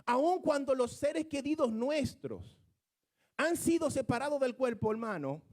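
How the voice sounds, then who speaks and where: A man's voice: extremely high pitch, animated, unhurried, darkish tone. A man preaching a sermon, explaining scripture in a teaching manner that rises into fervent, emphatic exclamations.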